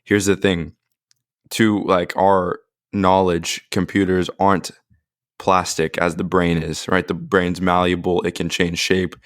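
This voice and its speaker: A man's voice: low-pitched, level tone, unhurried, no echo, studio quality. A man co-hosting a casual podcast discussion, thinking aloud with a lot of filler "like"s. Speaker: podcast co-host.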